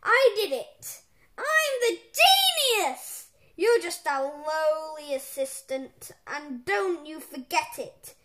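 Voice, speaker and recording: A woman voicing a boastful, bossy male mad-scientist professor in a children's story, shouting and gloating. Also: sits high, slow pace, hardly any pauses.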